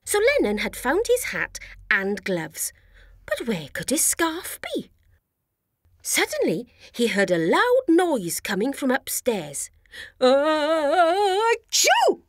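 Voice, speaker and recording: A woman narrating a children's cartoon story, slow and encouraging. Her voice is high, swoops in a broad sing-song, and carries a soft breathy edge. The sound is dry and close. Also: wildly swooping pitch, no room sound. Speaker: storyteller and presenter.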